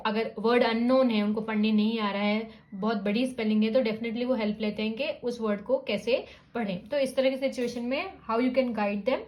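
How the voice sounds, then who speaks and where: A woman's voice: a little high, steady tone, a little mellow. Woman teaching, sounding out syllables. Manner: mixes Hindi and English, sounds out syllables slowly. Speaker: teacher guiding parents. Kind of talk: explanatory lesson.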